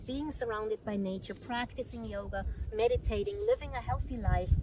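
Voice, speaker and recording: A woman's voice: fairly high pitch, normal speed, noisy background. Woman from Austria, fluent and upbeat. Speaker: community manager and yoga teacher. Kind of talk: casual interview answers.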